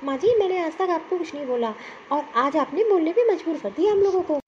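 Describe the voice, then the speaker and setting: Cartoon young daughter-in-law, outspoken and shrill, a woman voicing her, faint hiss under it. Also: expressive, brisk, darkish tone, highs cut off. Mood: indignant. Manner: indignant, protesting. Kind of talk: cartoon story voice acting.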